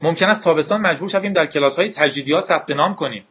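A lively teenage girl, eager and quick to ask questions, her voice lifted high and a little husky, as a man reading a story puts her on. The recording is dull and lo-fi. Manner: raised pitch, bright and eager.

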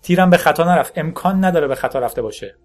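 A man voicing a terrified male gang boss who shouts and pleads in panic. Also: a little high, animated, faint music behind, pitched above the performer's own voice, natural voice. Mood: frantic. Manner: shouting, frantic, pleading to be believed.

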